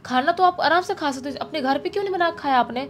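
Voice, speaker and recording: A woman's voice: sits high, fast, slight background noise, voice pushed up, lightly acted. A woman voicing a friendly young male village biryani seller who reassures and asks many questions, in her own voice. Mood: kind, eager.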